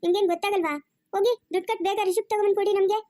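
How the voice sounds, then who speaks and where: A woman's voice: very high-pitched, fairly even intonation, very fast, dry recording, clean studio sound. A woman playing a stern, scolding hospital nurse. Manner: scolding, sharp questions.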